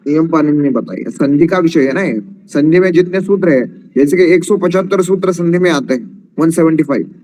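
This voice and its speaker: A man teaching an online Sanskrit class, patiently explaining grammar rules and slowly chanting verses with long drawn-out vowels. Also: fairly high pitch, darkish tone.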